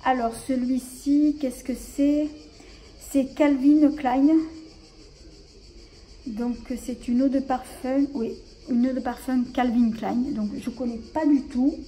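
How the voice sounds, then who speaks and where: A woman's voice: high-pitched, fairly even intonation, slow pace, dark tone, slight background noise, rough recording. A woman vlogger chatting casually about her collection, hesitant and full of fillers and restarts. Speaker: beauty vlogger. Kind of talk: casual show-and-tell vlog.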